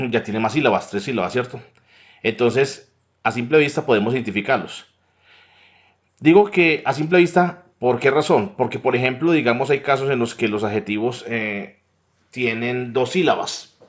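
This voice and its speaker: A man walks learners through a grammar lesson in a mid-pitched voice. He keeps checking in with short tag questions. The recording is dull and lo-fi. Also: normal speed. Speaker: English teacher. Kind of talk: grammar lesson over slides.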